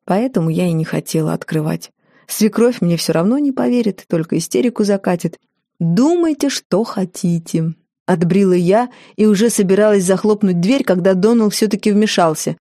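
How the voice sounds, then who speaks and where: A woman's voice: medium pitch, brisk, warm tone, no room sound, studio quality. Woman reading a wry first-person story. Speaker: narrator. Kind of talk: first-person audiobook narration.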